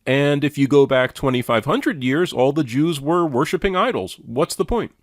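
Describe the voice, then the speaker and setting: Reviewing a lecture to rebut it, this man speaks with animation at medium pitch and a moderate pace, his tone skeptical, sardonic and challenging. There's no echo, just clean studio sound.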